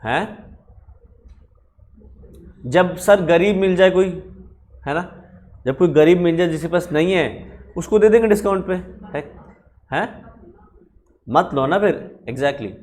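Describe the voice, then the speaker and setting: A man's voice: high-pitched, a little slow, long pauses, darkish tone. A man teaching accounting in a conversational classroom lecture, stopping often to quiz his students.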